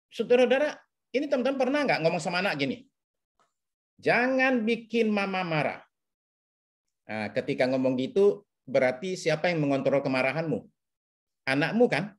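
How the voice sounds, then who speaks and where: A man teaching counseling in a webinar, speaking over a video call and checking in with listeners often. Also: fairly high pitch. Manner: teacherly, checks in with repeated oke and ya. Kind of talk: webinar lecture.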